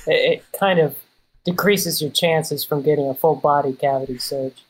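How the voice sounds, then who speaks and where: A man's voice: on the high side, steady tone, normal speed, rough recording. A man from Kansas City, a guest in a casual conversation, easygoing and dry in his humor. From Kansas City, United States.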